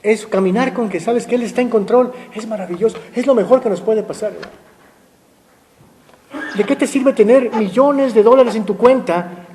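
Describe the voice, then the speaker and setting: A man preaching a sermon as pastor, emphatic and full of rhetorical questions, slowing down to read scripture. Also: sits high, darkish tone, in a large hall, a little hiss or hum. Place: church sanctuary.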